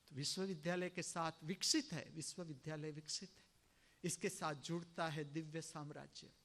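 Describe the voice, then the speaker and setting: A man from India giving a sermon as a spiritual teacher, slow and emphatic, often clearing his throat. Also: fairly high pitch, a bit bright.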